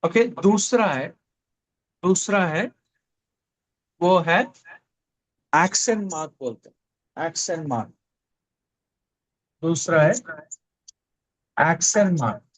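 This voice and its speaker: Slow, repetitive male Greek teacher. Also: a little high, poor audio. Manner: slow, repeats key words, explains step by step. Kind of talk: classroom lecture. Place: classroom with a board.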